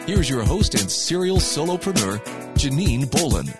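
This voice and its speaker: A woman's voice: low-pitched, very animated, moderate pace. A woman reading a scripted podcast introduction as the show's announcer. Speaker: show announcer. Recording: loud hip hop music bed. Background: hip hop music.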